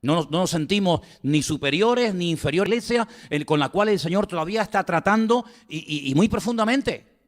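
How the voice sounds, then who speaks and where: A pastor with a Spanish accent from Spain preaches a sermon in an expressive, slightly fast voice that sits high, with a long reverb tail. He speaks emphatically, repeats phrases, and poses rhetorical questions to the congregation.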